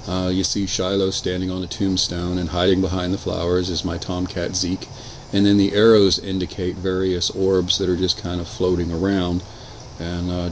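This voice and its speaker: A man casually narrating his own photos in a measured, matter-of-fact way, without a script. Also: sits low. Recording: clearly noisy home recording, steady hum.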